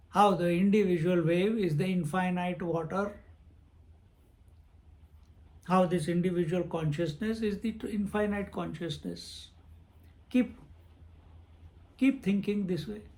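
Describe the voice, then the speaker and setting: A man's voice: sits high, darkish tone. A man giving a spiritual discourse on scripture, repeating phrases and chanting verses. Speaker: swami teaching scripture.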